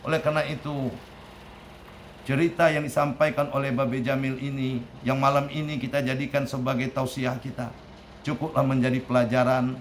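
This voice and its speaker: A man's voice: medium pitch, level tone, moderate pace. Man, Islamic preacher, emphatic sermon, echoey room, faint background hum. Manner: emphatic, rising and falling delivery. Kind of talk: storytelling sermon.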